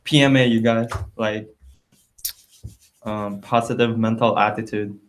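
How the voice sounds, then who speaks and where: A man's voice: lowish voice, fairly even intonation, unhurried, a little hiss or hum. A young man co-hosting a podcast in casual, slangy talk peppered with "like" and "dude". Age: young adult. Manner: slangy, filler-heavy phrasing with "like" and "dude". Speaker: podcast co-host. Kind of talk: casual chat. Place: library room.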